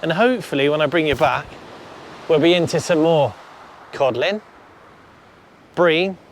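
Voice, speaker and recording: On a shingle beach by the sea, a shore-fishing vlogger chats casually to the camera, muttering to himself and swearing now and then. His voice is a little high and unhurried, with surf noise in the background.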